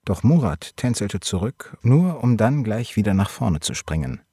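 A man reads a novel aloud in a steady, measured way, his voice very low and husky. The recording is close and dry, with no room around it. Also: no room sound. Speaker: narrator. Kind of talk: audiobook reading of a novel.

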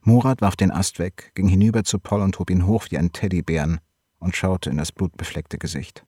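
A man reads a novel aloud in a steady, measured way, his voice very low and husky. The recording is close and dry, with no room around it. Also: dry recording. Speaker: narrator. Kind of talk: audiobook reading of a novel.

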